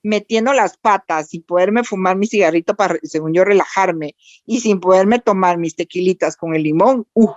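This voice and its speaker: Guatemalan woman, animated storyteller, dry dull podcast sound. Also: mid-range voice, normal speed, no room sound. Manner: animated storytelling with many fillers. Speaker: guest voice actress. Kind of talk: casual podcast interview.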